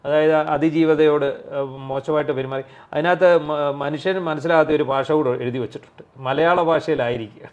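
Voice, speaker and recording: A man's voice: a little high, fairly even intonation, moderate pace, darkish tone. A man co-hosting a political talk show in a conversational, sarcastic way. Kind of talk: casual political discussion. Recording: slightly dull lo-fi sound.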